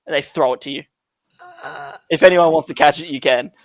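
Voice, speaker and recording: A man's voice: fairly high pitch, a little fast. A man narrating as dungeon master, rambling with many fillers, on a call mic. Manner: rambling, lots of "like" and "um". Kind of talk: narrating a tabletop game.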